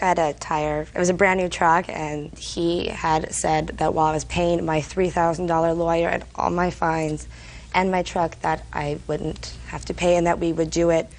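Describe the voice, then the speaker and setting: A woman defendant gives testimony in a fairly low, flat voice. She explains herself with some hesitation, with faint room noise around her. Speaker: defendant in TV court. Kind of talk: unscripted courtroom testimony.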